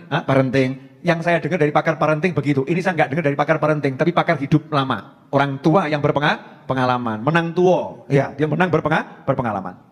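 A man's voice: a little high, big-room sound. A man with a Javanese accent giving a humorous religious advice talk to a congregation. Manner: humorous, mixing in Javanese phrases. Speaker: Islamic preacher.

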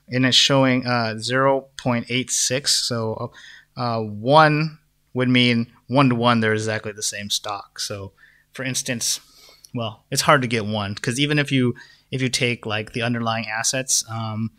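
A man's voice: medium pitch, bright, forceful tone. A young adult man hosting a casual stock analysis video, talking loosely with many fillers and restarts. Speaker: stock market video host.

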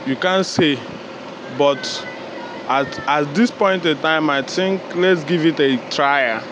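A man's voice: on the high side, takes it slowly. A man with a Nigerian accent answering a street interview outside a shop, opening with a proverb and then speaking decisively. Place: outdoors by a shopfront. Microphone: phone held close by interviewer. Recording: street noise behind.

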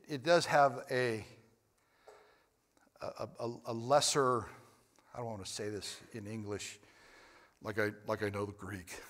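A man preaching a sermon in a church, moving between quiet, close talk and loud, emphatic bursts, with frequent restarts and repeated words. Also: mid-range voice. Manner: swings from loud emphatic shouts to quiet near-whispers. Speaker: pastor. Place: church sanctuary.

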